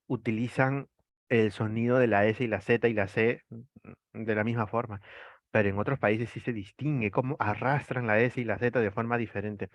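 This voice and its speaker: The voice here is a Peruvian man's, lowish and steady at a normal speed, recorded without echo but with the highs cut off. Lecturing online in Peruvian Spanish, he explains concepts, answers his own rhetorical questions, and uses the tag "¿no?" often.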